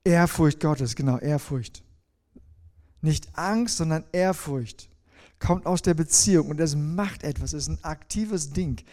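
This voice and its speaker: Warm-voiced man preaching a lively sermon. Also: on the high side, measured pace. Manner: lively preaching, asks the congregation questions, shows a folding rule. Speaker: pastor.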